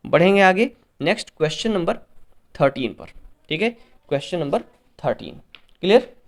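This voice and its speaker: Higher-pitched man tutoring an English exam paper. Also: animated. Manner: reads questions slowly, then explains in Hindi with frequent checks; corrects himself often. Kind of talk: exam paper solution lesson.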